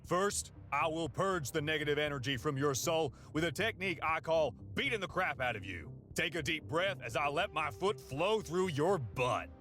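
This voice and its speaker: A menacing, portly yogi, played by a man for a video game. His voice is somewhat high and forceful, bossy like an instructor, over clear background music. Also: animated, normal speed.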